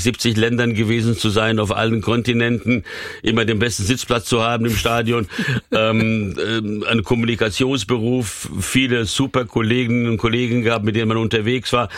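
A man's voice: on the low side, steady tone, normal speed, no room sound, studio quality. An older man who grew up speaking Hungarian and Portuguese, with a Hessian accent, recalling his career as a sports journalist in a radio interview, thoughtful and hesitant with many fillers.

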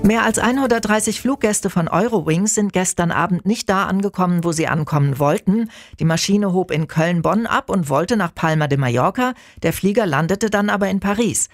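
A woman reading a radio news bulletin in a calm, measured, formal way from a studio. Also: fairly low pitch, no room sound. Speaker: newsreader. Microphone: studio microphone.

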